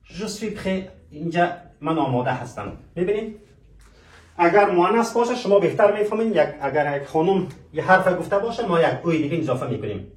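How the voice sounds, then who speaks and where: A man teaching a French lesson. He asks rhetorical questions, answers them himself, and says example phrases slowly. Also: fairly high pitch, animated. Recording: echoey room, mic at a distance.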